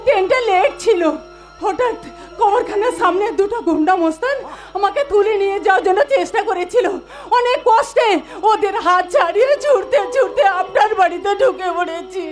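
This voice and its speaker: An actress playing a desperate young woman in a folk stage play, shrill and tearful in her pleading. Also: normal speed. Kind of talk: jatra stage acting. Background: loud stage music.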